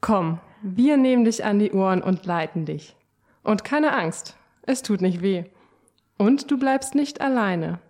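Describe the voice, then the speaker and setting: A woman with a mid-pitched voice narrates an audio walk. Her tone is gentle and reassuring, gently leading the listener along. The reading is clearly scripted. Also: expressive, measured pace.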